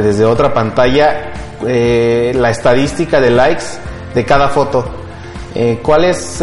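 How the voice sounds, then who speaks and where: A young man with a Mexican accent, explaining tech news as a co-host in a casual chat, hesitant and often pausing mid-phrase. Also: medium pitch. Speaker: podcast co-host. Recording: roomy echo, background music.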